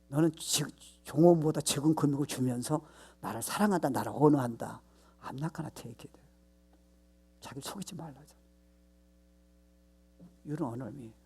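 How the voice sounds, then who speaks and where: A male pastor preaching a sermon, stressing points loudly, then dropping to low asides, with English phrases mixed into his talk. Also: husky. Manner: emphatic, mixes English phrases into his Korean; swings between loud stress and low, soft asides.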